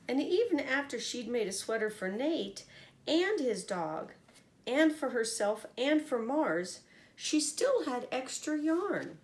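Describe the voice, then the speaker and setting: High-pitched, animated woman reading a storybook slowly. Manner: expressive, pauses to comment to young listeners. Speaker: teacher reading aloud to children. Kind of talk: animated picture-book storytelling.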